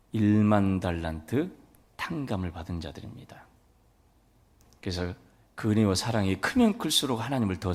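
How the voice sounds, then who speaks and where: A man preaching a sermon as a pastor, telling folksy stories and acting out family dialogue. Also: on the low side. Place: church sanctuary.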